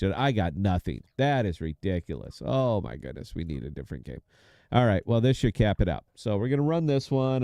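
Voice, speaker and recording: A man's voice: mid-range voice, mellow, no room sound. A man, chatting casually to viewers while he plays a game. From United States. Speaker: game streamer. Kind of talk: casual gameplay commentary.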